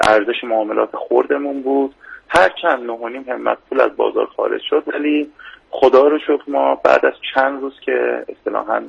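A man with a heavily gravelly, breathy voice gives formal expert answers on a radio interview. He talks in a measured way and keeps pausing on hesitation fillers. The sound is dull and lo-fi, like a broadcast radio feed. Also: mid-range voice. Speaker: financial expert guest.

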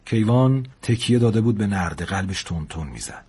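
A man calmly narrating a story aboard a ship. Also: fairly low pitch, slightly rough.

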